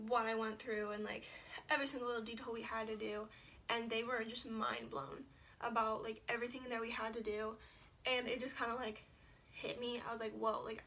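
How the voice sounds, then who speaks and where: A young woman talks to the camera in a bright, gravelly voice, chatty and loose, packed with "like" and "um". Her pitch sits a little high and barely moves, staying flat through the whole telling. The camera is set a bit back in a room at home, with faint hum underneath. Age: young adult. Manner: chatty, lots of "like" and filler. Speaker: vlogger. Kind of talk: casual sit-down story to camera. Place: indoors at home, seated. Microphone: camera set a little far away.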